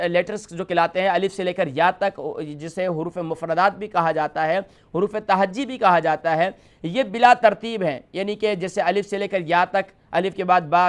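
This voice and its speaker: A man hosting a televised call-in lesson, explaining and demonstrating letter sounds patiently, repeating his points. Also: high voice. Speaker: host teaching letter pronunciation.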